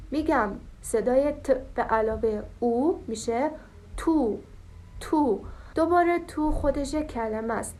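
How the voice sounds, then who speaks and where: A young woman teaching a language lesson, explaining step by step and slowly repeating drawn-out syllables for practice. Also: a little high, a little mellow.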